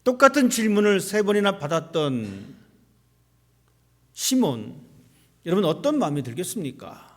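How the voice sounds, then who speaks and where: A man's voice: high-pitched, big pitch swings, normal speed, long pauses, a bit bright. A male pastor preaching a sermon in a church sanctuary, asking the congregation rhetorical questions. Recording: long hall reverb.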